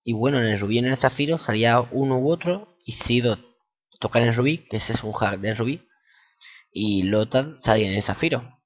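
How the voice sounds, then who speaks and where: A young man with a Spanish accent from Spain giving casual let's-play commentary, excitable and foul-mouthed, bursting into shouts. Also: medium pitch, brisk. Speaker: gameplay commentator. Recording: lo-fi dull home recording.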